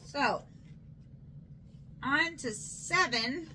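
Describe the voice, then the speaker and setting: Tipsy lady doing a casual unboxing, slow n rambly, bit of background noise. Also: high-pitched, lively intonation, pushed and bright. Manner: tipsy, loose and rambling with playful repeats. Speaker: makeup unboxing vlogger. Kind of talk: casual rambling product show-and-tell.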